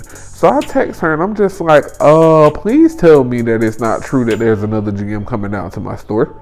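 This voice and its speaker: A young man in his twenties tells a workplace story straight to camera in casual, colloquial speech. He hammers his points home by repeating phrases, at a middle pitch, with faint music behind him. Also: darkish tone. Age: 20s. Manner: emphatic, repeats phrases for effect. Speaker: vlogger. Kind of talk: storytime vlog.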